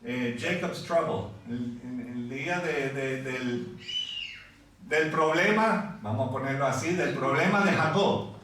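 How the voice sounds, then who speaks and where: A man from Venezuela preaching a sermon in a conversational, unhurried way and singing scripture passages in a church hall. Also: mid-range voice, a bit bright, slight background noise. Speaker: pastor. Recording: echoey room from far off.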